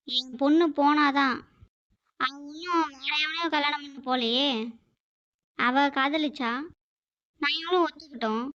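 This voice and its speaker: A stern old grandmother in a cartoon, holding her ground with firm, scolding lines, as a woman voices her. Her voice sits high and rings bright. The audio sounds muffled and lo-fi. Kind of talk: animated cartoon dialogue. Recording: dull lo-fi audio.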